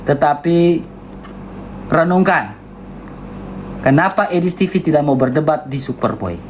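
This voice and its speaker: A man with an eastern Indonesian accent delivering a heated livestream rant in a loud, high-toned, insistent way. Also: animated, unhurried, a little hiss or hum. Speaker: debater on a livestream.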